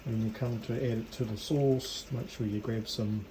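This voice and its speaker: In his home kitchen, a man with a New Zealand accent records a cooking video, talking at normal speed with a low voice and fairly even intonation. Informal and hesitant, he thinks aloud while working, with background noise in the recording.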